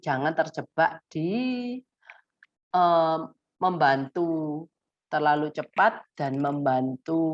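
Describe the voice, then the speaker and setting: Animated woman therapist. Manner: animated, acts out high exaggerated example phrases; mixes English words into her talk. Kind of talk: live-streamed parenting lesson. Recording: dull lo-fi stream audio.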